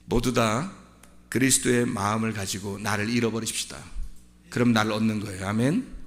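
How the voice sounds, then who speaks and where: A man preaching a sermon as pastor. He talks conversationally, acts out quoted dialogue, and rises to shouting. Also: fairly low pitch, fairly even intonation, moderate pace. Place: church sanctuary. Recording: long hall reverb.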